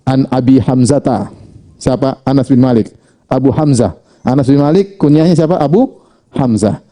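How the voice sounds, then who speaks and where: Man teaching Arabic grammar, dark voice. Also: normal speed. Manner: drills with rhetorical questions and answers; pitch swings widely between questions and answers. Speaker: Islamic studies teacher.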